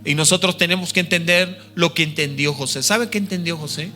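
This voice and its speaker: A man's voice: on the high side, fairly quick, sharp tone, faint music behind. A man preaching a sermon, telling a personal story in an earnest, personal way and often checking in with his listeners. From Peru. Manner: earnest, personal, frequent tag questions. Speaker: missionary preacher.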